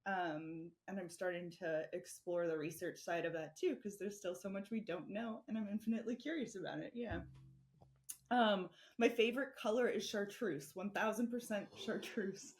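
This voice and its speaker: A woman's voice: medium pitch, moderate pace. A woman guest in a podcast interview, talking casually, laughing easily, with many fillers. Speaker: guest, scent artist.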